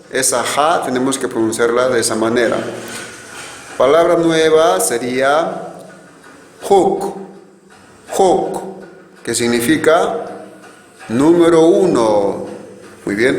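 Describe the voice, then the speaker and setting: A man teaching a language class to children, slowly saying each letter and word and repeating it. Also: medium pitch. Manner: slow, patient, repeats each sound twice. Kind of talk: slow classroom drill, repeating words for students. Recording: roomy echo with long reverb and faint hiss.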